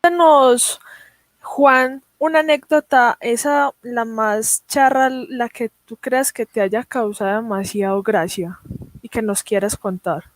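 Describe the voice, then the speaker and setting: A woman co-hosting an interview who asks her questions slowly, drawing out her words. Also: fairly high pitch, no room sound.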